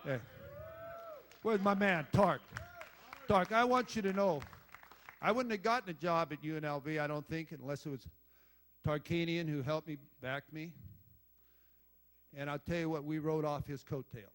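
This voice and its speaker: A man's voice: on the high side, moderate pace, pauses often, a bit bright. Blunt, salty older man telling stories. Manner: blunt, salty storyteller, swears and jokes with the crowd. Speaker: former football head coach giving induction speech. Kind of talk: rambling after-dinner speech with stories.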